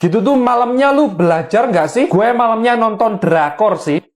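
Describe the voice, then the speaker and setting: A man's voice: very high-pitched, expressive, moderate pace. A man performing comedy sketches, switching playfully between characters.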